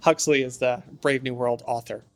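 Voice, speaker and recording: A man's voice: mid-range voice, steady tone, moderate pace. A male singer chatting as a guest in an apartment interview, rambling and enthusiastic with plenty of fillers. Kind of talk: casual interview chat.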